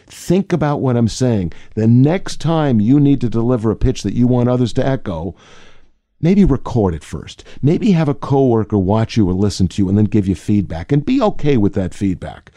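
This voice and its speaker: Male speaking coach, lively pitch jumps, mellow tone, dry close sound. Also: normal speed, no room sound. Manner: animated, acts out examples with big pitch jumps. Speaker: communication coach. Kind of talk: motivational talk on delivering a pitch.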